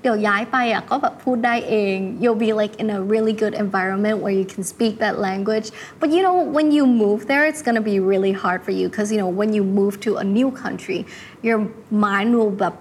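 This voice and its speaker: Slow-paced young woman giving tips. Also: mid-range voice, a little hiss or hum. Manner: switches between Thai and English, heavy use of "like" and "you know". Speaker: host. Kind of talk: casual language-learning tips.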